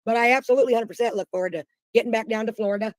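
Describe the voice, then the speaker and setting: A woman's voice: on the high side, rapid-fire, dry recording, studio quality. A woman guest on a live chat, ranting bluntly and swearing a lot. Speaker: guest caller. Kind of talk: heated casual chat.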